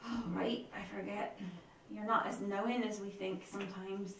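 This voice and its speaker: A woman's voice: medium pitch, fairly even intonation, moderate pace, vocal fry, slight background noise, natural voice. A woman voicing a young dwarven girl who bosses a gang of street kids, with a put-on Scottish accent and a brash, streetwise manner. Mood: explaining. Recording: echoey room, distant mic.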